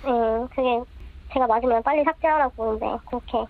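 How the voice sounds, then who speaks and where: A woman's voice: a little high, a little fast, narrow, tinny audio. A woman giving short, hesitant interview answers, her voice electronically disguised to keep her anonymous. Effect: voice electronically altered for anonymity.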